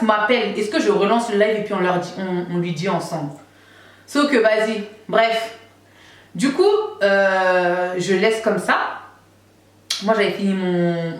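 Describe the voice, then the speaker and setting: A woman in her thirties tells a personal story in a loose, chatty monologue, slipping into the voices of the people she quotes. Her voice sits at an ordinary middle pitch. It is picked up from a distance and rings through a strongly echoing room. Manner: chatty retelling, acts out quoted dialogue, many fillers. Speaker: vlogger telling a personal story. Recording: very echoey room, voice far from the mic.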